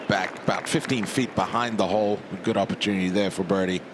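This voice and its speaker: Deep male voice, golf commentator, measured short phrases, clear outdoor background noise. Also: steady tone, crowd noise.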